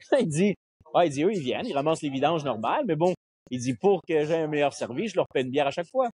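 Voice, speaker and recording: A man with a Québécois accent, a podcast guest telling a casual anecdote with lively quoted voices. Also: a little high, quick pace, slightly rough. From Quebec. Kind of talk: casual storytelling chat.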